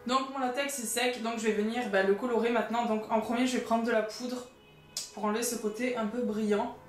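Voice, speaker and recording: A woman's voice: on the high side, fairly even intonation, fairly quick. A young woman narrating a casual makeup tutorial as a vlogger, chatty and joking at her own expense. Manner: chatty, with frequent "donc" and light self-mocking asides. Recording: roomy sound with faint background noise.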